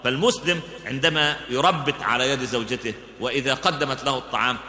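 A man gives a brisk religious lesson, his bright, forceful voice moving quickly through stories. He leans on fillers and restarts as he talks. The echoey hall with its long reverb is heard around him. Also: mid-range voice. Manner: lively storyteller with frequent fillers and restarts. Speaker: preacher.

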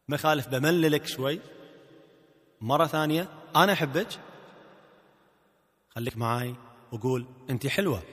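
A man's voice: mid-range voice, a bit bright, in a large hall. A man with a Gulf Arabic accent coaching listeners in a recorded self-help lesson, playfully coaxing them to repeat phrases after him. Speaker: marriage coach.

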